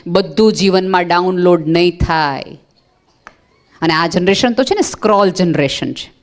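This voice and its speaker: Expressive woman giving a motivational speech. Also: fairly low pitch, normal speed. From Gujarat, India. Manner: expressive storyteller, repeats phrases for emphasis. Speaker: motivational speaker.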